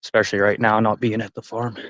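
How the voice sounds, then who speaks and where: A man's voice: fairly low pitch, level tone, fast talker, a bit bright, dry recording, low-quality recording. Rambling profane man in his forties. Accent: Canadian. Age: 40s. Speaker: streamer. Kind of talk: casual live-stream chat while hiking. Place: outdoors on a forest trail.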